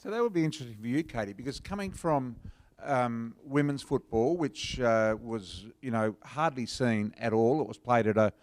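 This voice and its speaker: Middle-aged Aussie male host, casual and teasing, mid-pitched voice, dry studio sound. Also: a little mellow, no echo. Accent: Australian. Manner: chatty, teasing, quick to laugh. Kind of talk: casual panel hosting.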